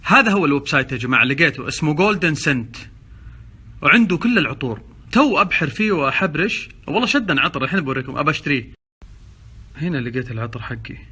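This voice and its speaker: A man's fairly high, slightly rough voice comes through as he vlogs playfully to a handheld phone, exclaiming from his car and at a petrol station. He's a social media vlogger making casual chat for the camera. Loud traffic noise runs under the phone recording.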